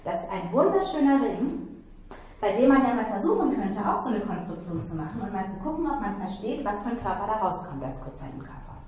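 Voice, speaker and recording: A woman's voice: medium pitch, big pitch swings, brisk, darkish tone. A woman lecturer patiently explaining algebra in a tutoring session, thinking aloud as she goes. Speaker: mathematics lecturer. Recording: echoey room, mic far off, faint noise.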